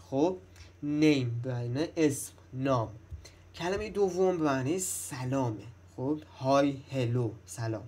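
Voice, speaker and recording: A man's voice: mid-range voice, a little mellow, slightly rough. A young man teaching English vocabulary to schoolchildren in a casual, chatty way, speaking straight to the students and repeating points. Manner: chatty, repeats himself, addresses students directly. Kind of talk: casual classroom-style lesson.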